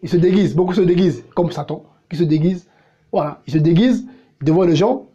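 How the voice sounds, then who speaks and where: A man's voice: sits high, brisk, mellow, muffled recording. A pastor delivering a blunt, confrontational sermon, firing rhetorical questions at his listeners. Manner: blunt and unpolished.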